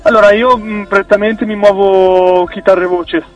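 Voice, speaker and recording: A man's voice: sits high, steady tone, normal speed, distant mic, faint music behind, rough recording. A man, a musician guest in a casual radio interview, who talks hesitantly with many restarts and easy laughs.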